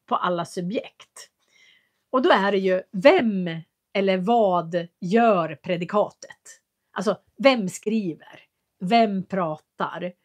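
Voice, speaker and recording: Clearly articulating Swedish teacher, woman. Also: mid-range voice. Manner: clear, carefully articulated speech; patient, explanatory. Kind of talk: live language lesson answering chat.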